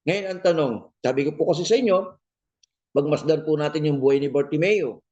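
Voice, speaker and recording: Male preacher with a Filipino accent, higher pitch, emphatic sermon delivery with frequent call-outs to listeners. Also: fairly quick, darkish tone, highs cut off. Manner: emphatic, repeats key phrases, frequent "no?" and "po". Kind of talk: sermon mixing Tagalog and English.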